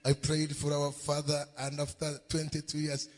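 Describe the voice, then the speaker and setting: A middle-aged man preaching a sermon, emphatic and repetitive, with sudden shouts. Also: fairly high pitch, monotone, normal speed. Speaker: pastor. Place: church. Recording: long hall reverb in a church.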